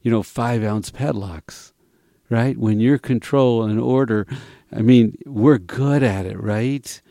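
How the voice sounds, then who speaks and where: A man's voice: mid-range voice, takes it slowly, gravelly, mellow, dry recording, clean studio sound. A man co-hosting a faith-based talk, steering the conversation and affirming his partner. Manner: affirming, encouraging. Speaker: podcast co-host.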